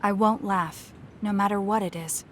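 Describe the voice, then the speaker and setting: An actress voices a stoic, blunt young woman fighter in an English-language video game, delivering her lines tersely and matter-of-factly with a calm, frank mood. Her natural, mid-range voice has fairly even intonation and a moderate pace, with a little hiss or hum in the recording.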